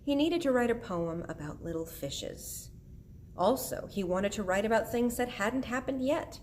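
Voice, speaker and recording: Female storybook narrator, gentle read-aloud, faint background hiss. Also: on the high side, animated, moderate pace. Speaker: audiobook reader.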